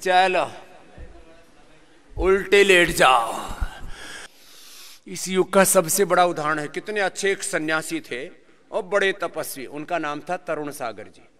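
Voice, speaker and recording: A man leading a live yoga class, giving instructions and lively talks on health while joking with the group. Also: a little high, slow, long pauses. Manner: lively, sings verses, jokes with class. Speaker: yoga teacher.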